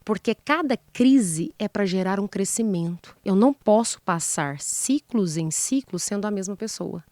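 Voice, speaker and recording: With a medium, dark-toned voice, lively intonation, and a measured pace, a woman psychologist gives relationship advice as an interview guest. She is didactic, poses rhetorical questions, and performs sample dialogues. The audio is studio quality, with no room sound.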